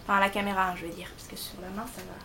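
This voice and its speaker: A woman with a Belgian French accent reviewing makeup in a chatty, expressive way, mixing joking asides with product details. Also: mid-range voice, racing, a little hiss or hum. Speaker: beauty vlogger.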